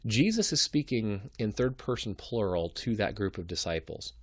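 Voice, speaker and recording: Here the thirties-aged theology lecturer sounds husky and animated, his lowish voice at a moderate pace in a dry recording. He speaks earnestly indoors at his bookshelf-lined home office via a desk webcam, piling up emphasis with repeated phrases.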